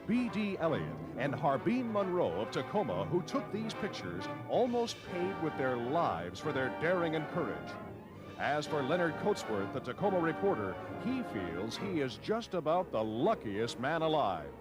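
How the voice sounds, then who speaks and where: A man's voice: on the high side, wildly swooping pitch, moderate pace. A man narrating an old newsreel in a dramatic, declamatory 1940s style. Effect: old newsreel soundtrack. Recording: old newsreel soundtrack with music behind. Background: music.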